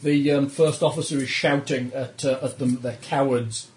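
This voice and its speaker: Game master narrating in an echoey room. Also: male voice, medium pitch, fairly even intonation, slight background noise. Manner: unhurried descriptive narration with fillers.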